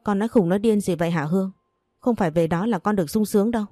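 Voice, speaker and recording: A woman's voice: mid-range voice, rapid-fire, mellow, no echo, studio quality, lightly acted. A woman voicing a worried poor mother from the countryside who scolds and pleads with her daughter. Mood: alarmed. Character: worried poor rural mother, stern but tender.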